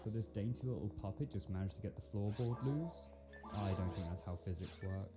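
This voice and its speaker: A man's voice: lowish voice, a little fast. A man giving scripted film review commentary in a sarcastic, incredulous manner. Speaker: video commentator and film critic. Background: music.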